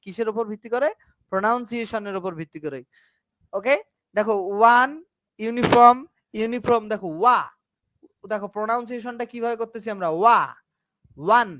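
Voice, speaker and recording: A male English teacher giving an online class lecture. He explains slowly, mixes English grammar terms into his talk and keeps asking his students whether they follow. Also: high-pitched, a bit bright, clean tone, no room sound, clean studio sound. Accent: Bangladeshi Bengali.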